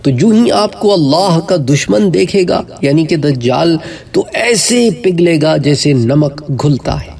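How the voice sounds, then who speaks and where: Earnest male preacher, husky and distant. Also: darkish tone. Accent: Pakistani Urdu. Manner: earnest, emphatic preaching, rising in pitch when stressing points. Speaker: Islamic preacher. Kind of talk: religious lecture.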